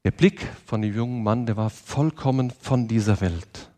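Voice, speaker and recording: A man's voice: lowish voice, normal speed, mellow. A man preaching a sermon in an earnest manner, speaking directly to his listeners and asking them questions. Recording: long reverb of a large hall.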